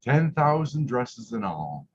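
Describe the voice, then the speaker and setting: Very animated yet slow, a medium-pitched man who is a drag queen leads story time, reading aloud with chanted refrains and occasional stumbles. Between passages he makes casual asides ending with an odd "eh", and the recording is muffled and lo-fi with clear background noise.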